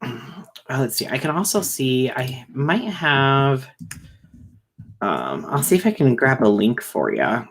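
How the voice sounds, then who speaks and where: A man hosting a casual livestream who talks fast and rambles, with many fillers and restarts. He is short on sleep. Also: mid-range voice, sing-song, a little hiss or hum. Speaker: livestream host reading chat.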